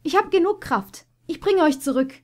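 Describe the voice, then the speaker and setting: A woman's voice: extremely high pitch, expressive, normal speed, voice pushed up. A woman voicing a sly, sarcastic male stallion in a storybook reading, mocking and teasing. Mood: urgent.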